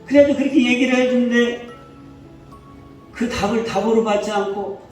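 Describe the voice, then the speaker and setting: A male pastor preaching a sermon in a church, telling a story with lively questions to the congregation. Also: very high voice, moderate pace. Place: church sanctuary. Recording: echoey church hall from far off, faint music.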